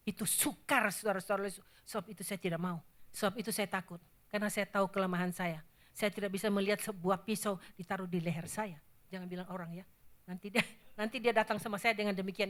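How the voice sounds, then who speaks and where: A woman preacher delivers an impassioned sermon in a bright, forceful voice. She pushes hard on her warnings, then drops to a hushed, close tone for asides. She keeps calling out to her listeners as brothers and sisters. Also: mid-range voice. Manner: impassioned, swinging between loud urging and hushed asides; addresses the congregation repeatedly as brothers and sisters.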